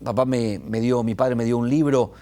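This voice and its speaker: Brief: male pastor, lively sermon delivery, swings in pitch and pace. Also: moderate pace. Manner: animated, retells scenes with quoted voices, restarts.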